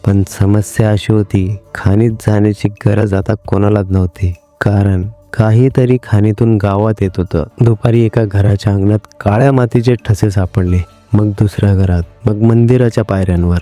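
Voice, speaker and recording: A man narrating a horror story in a measured, suspenseful way. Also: fairly low pitch, fairly even intonation, warm tone, soft background music.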